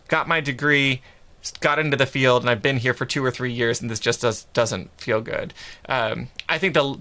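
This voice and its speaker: A man's voice: medium pitch, pushed and bright. A man in his forties, a podcast guest, explaining ideas in a thoughtful, searching way. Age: 40s. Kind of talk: casual conversational interview.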